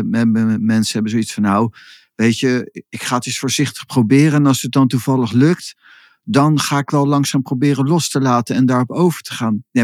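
A man co-hosting a podcast, explaining spiritual ideas in an unhurried, reflective way. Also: medium pitch, a little mellow, no echo, studio quality. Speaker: podcast host. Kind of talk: casual podcast conversation.

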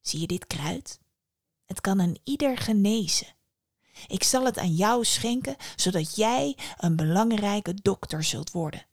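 A woman voicing Mother Death, an ancient stern female spirit, speaking in a hushed, often whispered, lowered voice. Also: expressive, unhurried, no room sound, studio quality.

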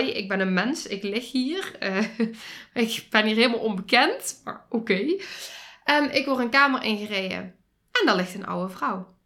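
Fairly high-voiced young woman telling a personal story. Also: fairly bright tone. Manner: emotional, restarts often, laughs mid-story. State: recovering from a concussion, a bit foggy. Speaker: podcast host.

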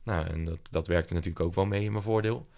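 A man's voice: deep voice, steady tone, quick pace, creaky, darkish tone. A young man, an entrepreneur, talking casually in an interview and often hesitating with fillers and restarts. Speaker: entrepreneur guest.

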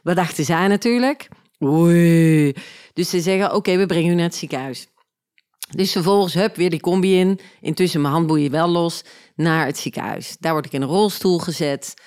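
A woman with a Flemish accent, hosting a podcast and telling a personal story in an animated, sarcastic way. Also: fairly low pitch, moderate pace, smooth. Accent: Flemish Belgian. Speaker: podcast host. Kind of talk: casual storytelling.

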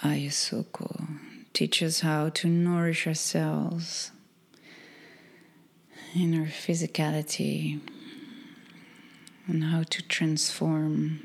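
A woman with a low voice leads a ritual invocation, speaking very slowly in a soft, breathy whisper. Her tone stays flat and even, and she leaves long, meditative pauses between phrases. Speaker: ceremony leader.

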